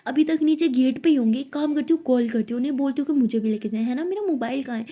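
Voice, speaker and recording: A woman's voice: high-pitched, fast, highs cut off. Tara, a woman voicing a shy, joking young girlfriend. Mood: coaxing playful. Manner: soft, coaxing, playfully flattering. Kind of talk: narrated love story read aloud.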